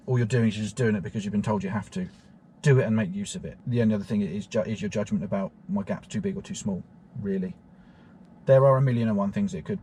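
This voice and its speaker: Male driving instructor, low and mellow, patient repetitive explainer with fillers, in a car. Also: a little hiss or hum. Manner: steady, repetitive teaching with frequent fillers. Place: inside a car on a road.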